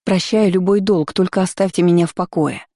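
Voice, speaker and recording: A woman's voice: on the low side, fairly even intonation, fairly quick, warm tone, no room sound, studio quality. A woman voicing a frightened young woman healer who pleads urgently. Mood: pleading.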